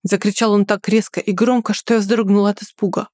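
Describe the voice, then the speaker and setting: A woman reading a first-person story aloud in a quiet, restrained way. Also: mid-range voice, steady tone, fairly quick, no room sound, studio quality. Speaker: audiobook narrator.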